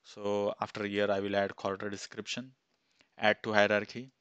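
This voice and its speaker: A man in his thirties, an instructor, talking step by step through a screen-recorded software tutorial on a headset mic, with fillers as he goes. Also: on the low side, flat delivery, moderate pace, clean tone, no room sound, highs cut off. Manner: plain step-by-step, thinking aloud with fillers. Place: small room indoors.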